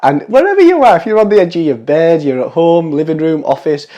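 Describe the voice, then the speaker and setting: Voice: mid-range voice, expressive, a little fast, mellow. A vlog host chatting to the viewers in a gushing, affectionate, cheeky and teasing way. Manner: cheeky, playful. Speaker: show host. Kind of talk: chatty fashion vlog to camera.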